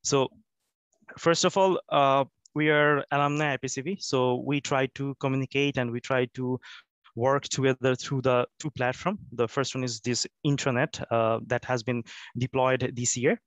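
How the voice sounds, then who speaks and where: A man's voice: mid-range voice, fairly even intonation, moderate pace, fairly bright tone, dry recording. A man representing an alumni association, giving a hesitant remote presentation with many fillers and restarts, sleepy from jet lag.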